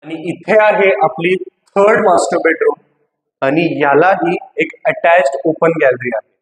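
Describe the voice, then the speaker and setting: High husky man touring a flat. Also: unhurried, no room sound, low-quality recording. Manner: guiding, pointing things out room by room. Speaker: real estate agent giving a property tour. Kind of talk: property walkthrough narration.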